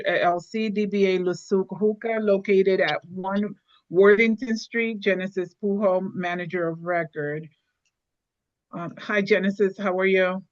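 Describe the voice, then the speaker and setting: A woman chairing a public meeting, speaking politely and procedurally in a halting way. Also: dry recording. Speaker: commission chair. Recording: muffled low-fidelity meeting audio.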